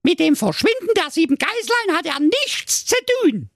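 Shrill fairy-tale girl detective Blaukäppchen, a man in falsetto. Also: sing-song, normal speed, vocal fry, fairly bright tone, no echo, clean studio sound, heavily acted. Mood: shrill triumphant. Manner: shrill, pompous, accusing. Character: prim triumphant young girl detective, a cap-wearing fairy-tale parody.

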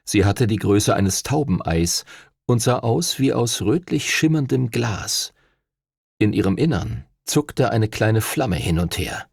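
A man narrating an audiobook in a calm, measured storytelling manner. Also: on the low side, creaky, husky, no echo, studio quality. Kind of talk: scripted narration.

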